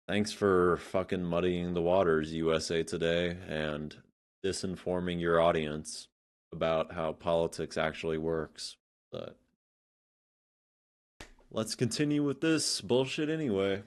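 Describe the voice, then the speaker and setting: A man giving blunt, sarcastic reaction commentary, swearing freely and scattering fillers as he talks. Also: low voice. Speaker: commentary streamer.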